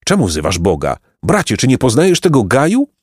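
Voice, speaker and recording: A man's voice: mid-range voice, wildly swooping pitch, brisk, a little mellow, no echo, pitched above the performer's own voice. Man doing a young man, emotional, trembling, exclaiming, storybook, dry close sound. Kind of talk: storybook reading.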